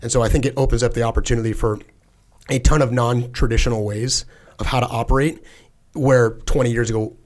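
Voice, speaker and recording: A middle-aged former fighter pilot is the guest in a casual conversational interview, speaking in a mid-range voice with fairly even intonation at a fairly quick pace. Earnest and chatty, he restarts sentences and leans heavily on "like" and other fillers.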